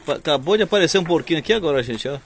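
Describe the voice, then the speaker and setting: A man's voice: a little high, expressive, very fast, noisy background. A man chatting casually to viewers while filming a fishing trip from an open boat on a phone. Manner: upbeat, chatty, addresses viewers as "gente". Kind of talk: casual narration to camera. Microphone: handheld phone camera.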